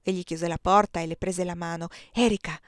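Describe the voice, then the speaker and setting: A woman narrating a classic novel aloud with a measured, expressive reading. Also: on the low side, dry recording, studio quality. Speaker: audiobook reader. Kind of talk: literary narration.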